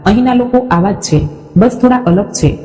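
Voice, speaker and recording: A woman reading a gentle young brother-in-law. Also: mid-range voice, moderate pace, big-room sound, natural voice. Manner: gentle, soft-spoken.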